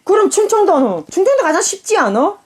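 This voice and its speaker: Teasing young woman, high animated voice. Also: fast. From North Korea. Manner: teasing, prompts with questions. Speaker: daughter co-hosting a talk channel. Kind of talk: casual chat.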